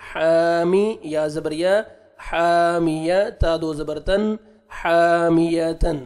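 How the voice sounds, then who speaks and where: A man teaching Quran recitation, patiently spelling out letters and sounds, then drawing out each recited word slowly. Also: fairly high pitch, darkish tone. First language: Urdu.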